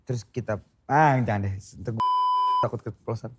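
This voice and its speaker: A man's voice: mid-range voice, normal speed. A man guest in a casual chat, talking crudely and playfully, swearing often.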